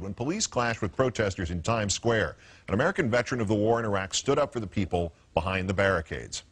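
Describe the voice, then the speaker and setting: Male news host, low-pitched and rapid, formal wordy delivery, some background noise. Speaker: interview show host. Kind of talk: news commentary and interviewing.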